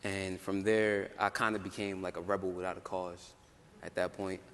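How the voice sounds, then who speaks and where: A young man panelist telling his story in a casual way, full of "like" fillers and quick laughs. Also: deep voice, level tone, noisy background. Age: young adult. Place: conference hall. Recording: roomy hall, faint ambience.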